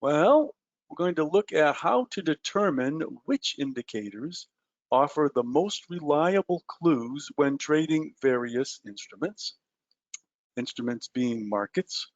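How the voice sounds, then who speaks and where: A man's voice: on the high side, lively intonation, a little slow, no echo. Chatty male webinar presenter, dull sound. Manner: conversational, many "uh" and "um" fillers, addresses listeners directly. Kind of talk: live trading webinar presentation.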